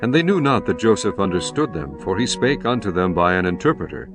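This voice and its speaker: A man narrating scripture in a measured, solemn style. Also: deep voice, lively intonation. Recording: music bed behind voice.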